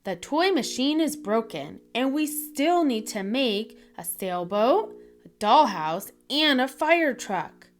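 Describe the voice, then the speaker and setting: An earnest old Santa from a children's storybook, voiced by a woman reader, pitched fairly high. The delivery is slow and very lively, with music faintly behind. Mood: relieved, worried. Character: earnest, jolly old man Santa in trouble. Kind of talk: children's storybook read-aloud.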